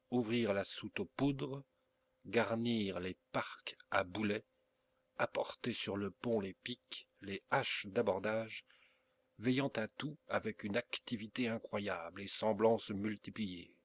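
A man reading a novel aloud as an audiobook narrator, in a measured, expressive way. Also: lowish voice. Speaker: audiobook reader.

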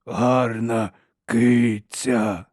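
A man's voice: mid-range voice, fairly even intonation, darkish tone, no echo, studio quality. A man playing a hulking, childlike brute. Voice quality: harsh, cracked voice. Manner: slow, halting single words. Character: huge lumbering male creature, childlike, slow-witted.

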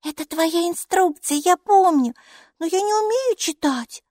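An audiobook performer, a woman, lifts her voice very high above her natural pitch to sound like a six-year-old girl who is cheerful, chatty, and constantly asking eager questions. She talks at a normal speed with excited energy, in a studio-quality recording without room sound.

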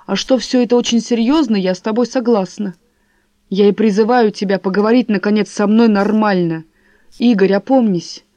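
A woman voicing a sharp-tongued wife who speaks forcefully and cuttingly. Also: mid-range voice, moderate pace, no echo, close to an everyday voice. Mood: indignant. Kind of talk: audiobook character voice.

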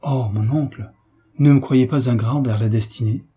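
A man's voice: medium pitch, normal speed, warm tone, slightly rough. A man voicing an earnest young officer who speaks with hesitant, moved sincerity.

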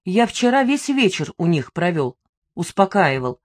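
A woman's voice: on the low side, sing-song, unhurried. A woman reading the lines of a blunt young man who brusquely scolds a friend, in an audiobook. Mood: scolding. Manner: brusque, matter-of-fact.

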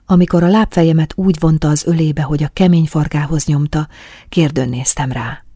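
Breathy, intimate woman narrator. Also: deep voice, steady tone, warm tone, no room sound, clean studio sound. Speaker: audiobook narrator. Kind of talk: first-person scripted narration of an erotic story.

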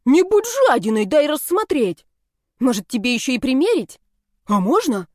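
A woman's voice: sits high, very animated, moderate pace, a little mellow, no room sound, clean studio sound, voice pushed up. A woman voicing a flamboyant, shameless male snake-man who gushes in theatrical, squealing exclamations. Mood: cheeky.

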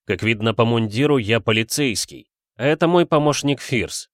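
A man voicing a confident, shameless gentleman police detective who speaks with poised irony. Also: medium pitch, expressive, moderate pace, dry recording, studio quality, close to an everyday voice. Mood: formal.

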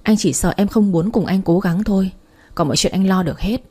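A woman reading a story aloud, voicing a gentle, teasing young man who comforts his girlfriend, in a soft husky voice. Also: medium pitch, a little fast, lightly acted. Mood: tender.

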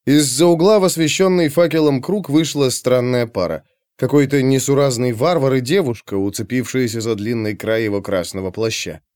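A man narrating an audiobook in a scripted, expressive, dramatic storytelling manner. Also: mid-range voice, normal speed, smooth, dry recording, clean studio sound.

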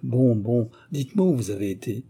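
A stern gentleman snaps short commands at his servant, read by a man. His tone is dark and slightly husky, clipped and impatient, in the style of a storybook reading. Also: mid-range voice, lively intonation, moderate pace. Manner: curt, commanding. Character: impatient middle-aged gentleman, stern master. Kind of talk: audiobook character reading.

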